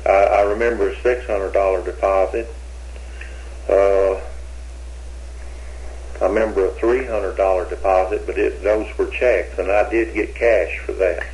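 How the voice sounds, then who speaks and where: A man's voice: low-pitched, fairly even intonation, unhurried, long pauses, a little mellow, rough recording. An older man being questioned, talking in a hesitant, rambling way with many restarts, heard on an old interrogation tape recording.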